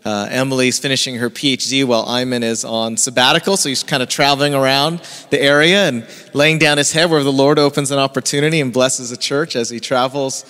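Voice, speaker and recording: A man's voice: medium pitch, fairly even intonation, a little fast, hardly any pauses, a bit bright. Male pastor, mid-range voice, conversational, hesitant intro, long church echo. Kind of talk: casual introduction. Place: church sanctuary.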